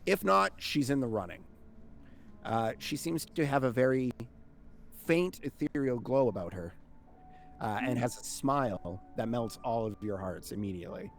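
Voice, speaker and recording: Gravelly man running a tabletop game. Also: medium pitch, lively intonation, normal speed, a little hiss or hum. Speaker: game master. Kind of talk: casual tabletop game narration.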